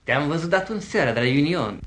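A pompous young lovesick suitor. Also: male voice, fairly high pitch, lively intonation, a bit bright. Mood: lofty. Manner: bombastic, flowery, stumbling over fancy words. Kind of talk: table reading of a stage comedy.

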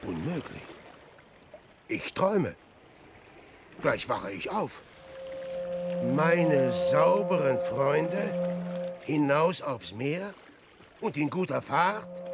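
An actor playing Peer Gynt, a vain, self-serving rich adventurer, declaiming in a classic radio play. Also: male voice, high-pitched, full character voice. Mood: pleading. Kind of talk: classic radio drama acting.

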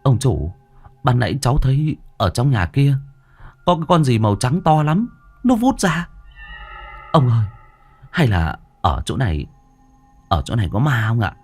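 A man's voice: medium pitch, huge pitch swings, normal speed, pauses often, a little mellow, husky, faint music behind, pitched above the performer's own voice, exaggerated voice. A man voicing a frightened young excavator driver of about twenty who stammers.

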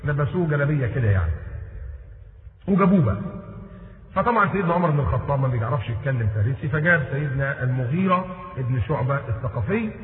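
A man's voice: medium pitch, lively intonation, fast talker. A middle-aged man preaching with an Egyptian accent, telling a story and acting out the dialogue in shifting voices. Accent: Egyptian Arabic. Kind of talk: sermon storytelling. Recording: tinny lo-fi audio in echoey hall.

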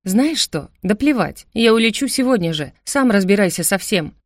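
Woman reading a hurt young heroine for an audiobook; sharp, raised delivery, dry studio sound. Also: medium pitch, expressive, normal speed, dry recording, natural voice. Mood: defiant, upset. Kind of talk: audiobook character voice.

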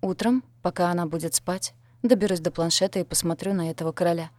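Low-voiced woman narrating an audiobook. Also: fast talker, darkish tone, no room sound. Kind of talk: first-person audiobook narration.

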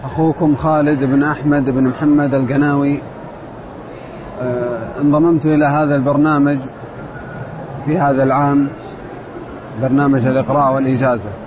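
A man's voice: mid-range voice, flat delivery, brisk, pauses often, background noise. A man, a student of Quran recitation, giving an earnest and devout personal testimony. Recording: dull audio with loud outdoor ambience.

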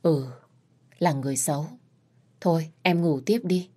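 A woman doing a gentle young servant girl. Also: low-pitched, a little slow. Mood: tender.

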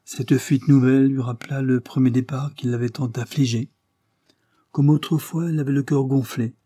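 A man narrating a classic novel as an audiobook with steady storytelling. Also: mid-range voice, normal speed, no room sound, clean studio sound.

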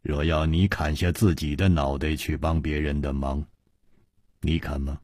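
A male storyteller voicing a calm, wry gentleman hero who speaks in an unhurried, easy way. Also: a bass voice, dry recording, pitched below the performer's own voice. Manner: unhurried, dry and easygoing. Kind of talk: Chinese storytelling broadcast.

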